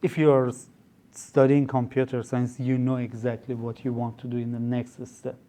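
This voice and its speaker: A young startup founder with a Persian accent is a guest on a podcast, explaining things conversationally in an interview. His mid-range voice is warm but monotone at a moderate pace, and he hesitates, uses many fillers and rephrases mid-sentence.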